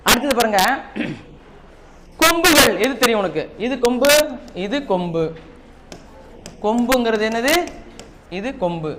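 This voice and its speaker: A man's voice: extremely high pitch, expressive, a little slow, long pauses. A man teaching a Tamil class with a Tamil Nadu accent, repeating key points and quizzing his students. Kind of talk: classroom lesson. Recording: noisy classroom recording.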